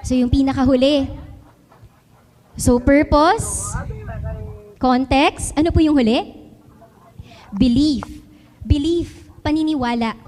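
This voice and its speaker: A woman's voice: high voice, darkish tone. A woman teacher with a Filipino accent gives a talk to a live audience, mixing Tagalog and English and asking the audience questions. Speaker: public school teacher giving a talk. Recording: long hall reverb.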